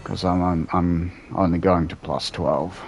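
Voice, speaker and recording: Here a young streamer from New Zealand keeps things relaxed, drifting through casual talk and replying to chat in between bits of gameplay at home. His voice sits low at a measured pace, with a slight hiss or hum behind it.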